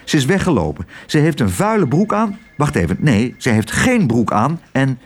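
A man's voice: medium pitch, sing-song, normal speed, breathy edge, voice pushed up. A man voicing an anxious, impatient sailor father who talks urgently. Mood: frantic. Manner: urgent, agitated.

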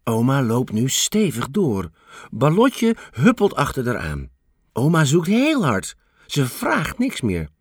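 A man reading a children's story aloud in a slow, very expressive way. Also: mid-range voice, husky, no echo, studio quality.

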